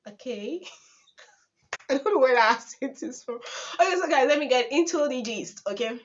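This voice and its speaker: A woman's voice: sits high, lively intonation, moderate pace. A young Nigerian woman with a Nigerian accent tells story-time anecdotes in a casual vlog, dramatic and laughing often. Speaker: vlogger. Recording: dull lo-fi recording.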